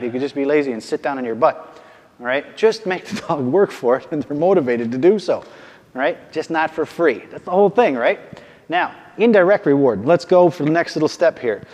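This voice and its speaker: A man's voice: fairly high pitch, darkish tone, long reverb tail. A male dog trainer giving a casual instructional demonstration, often checking in with "okay?" and "right?", and calling out firm short commands to his dog.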